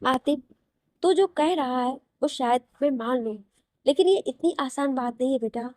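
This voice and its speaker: A woman's voice: high-pitched, moderate pace, warm tone, no echo, lightly acted. A woman voicing a worried questioning mother. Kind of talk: audio story reading.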